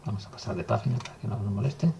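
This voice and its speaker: Low gravelly male teacher. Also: very fast, background noise. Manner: calm, step-by-step explaining while writing. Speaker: math teacher. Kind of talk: recorded math lesson.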